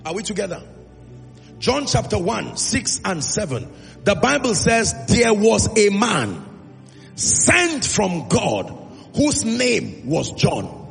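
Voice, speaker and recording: Nigerian man, preacher, sermon, high voice, gravelly edge, long hall echo. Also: very animated. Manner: emphatic, call-and-response, drawn-out phrases. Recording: reverberant hall with music.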